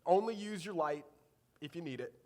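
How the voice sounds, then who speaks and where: A pastor doing a drawling rural North Carolina hunter. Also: male voice, on the high side, animated, moderate pace, a little mellow, lightly acted. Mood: matter-of-fact. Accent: Eastern North Carolina. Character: rural male hunter, blunt, giving directions.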